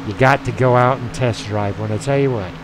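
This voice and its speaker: A man's voice: mid-range voice, brisk, over music, low-quality recording. A man doing folksy, chatty play-by-play commentary for an online sim truck race, with asides between the calls. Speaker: sim racing announcer.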